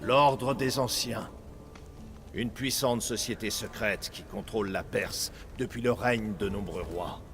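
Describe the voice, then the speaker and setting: In a French-dubbed video game, a man with a fairly low voice plays a guarded, weary older Persian father who is also a resistance fighter. He speaks gravely and deliberately, with game music playing behind him.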